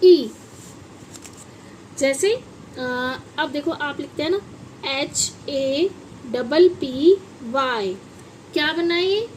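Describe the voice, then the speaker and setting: High-voiced woman teaching phonics slowly. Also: lively intonation, a little hiss or hum, low-quality recording. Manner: asks children questions and spells words letter by letter. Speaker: English teacher. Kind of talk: classroom phonics lesson.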